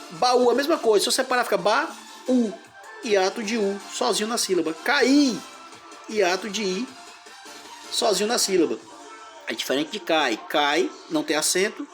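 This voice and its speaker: A man's voice: sits high, fairly bright tone. Male teacher explaining syllables. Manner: explains step by step, repeating words and splitting syllables. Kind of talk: grammar lesson.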